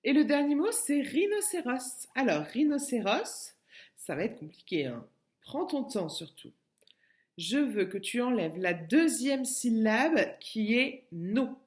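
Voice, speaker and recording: A woman with a French accent teaches a young child slowly and patiently. She breaks each word into its syllables, and her pitch rises and falls with a lot of movement. The whole thing is a recorded lesson for a child working at home. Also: very animated. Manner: slow, patient, spells words out syllable by syllable. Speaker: kindergarten teacher.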